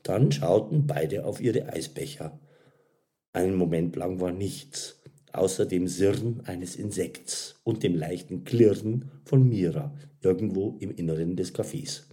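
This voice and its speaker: A man reading a story aloud as narrator, expressive and unhurried. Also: sits low. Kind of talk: audiobook narration.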